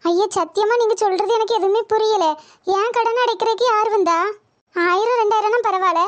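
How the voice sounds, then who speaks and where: A woman's voice: extremely high pitch, fairly quick. A woman voicing cartoon village women, speaking in an emotional, exclaiming way. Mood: distressed. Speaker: voices most cartoon characters. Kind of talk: cartoon voice acting.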